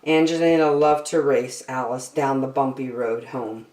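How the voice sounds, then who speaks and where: In a rumbling low voice at a moderate pace, a woman reads a children's story aloud, using expressive narration and dramatic phrasing for young listeners. The recording sounds roomy.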